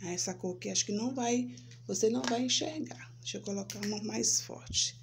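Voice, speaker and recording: A Brazilian woman teaching young children, speaking slowly and sounding out syllables, checking in with "né?" and "certo?". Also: medium pitch, gravelly, noisy background. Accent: Brazilian Portuguese. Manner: slow, spelling out syllables, frequent "né?" and "certo?". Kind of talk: children's lesson, slow and sing-song.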